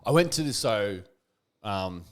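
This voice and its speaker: A man's voice: on the low side, expressive, measured pace. Broad Australian man telling stories. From Canberra, Australia. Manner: swearing, laughing anecdote-teller. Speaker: guest comedian. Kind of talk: casual chat.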